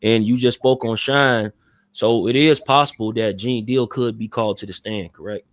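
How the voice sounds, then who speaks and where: A man's voice: mid-range voice, steady tone, normal speed, dry recording. A man co-hosting a podcast, hedging with fillers before getting to his question. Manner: hesitant, piles up fillers before asking. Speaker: podcast co-host.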